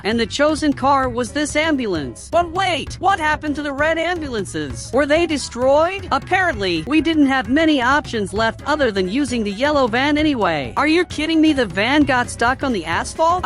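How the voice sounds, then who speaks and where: High-pitched gaming video narrator over music. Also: a bit bright. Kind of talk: scripted Roblox video narration.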